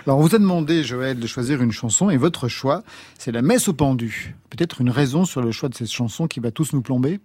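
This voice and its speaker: Slightly breathy radio host, a man. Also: mid-range voice, expressive, fairly quick, a little mellow, no echo. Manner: conversational, prompting questions. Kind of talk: radio interview.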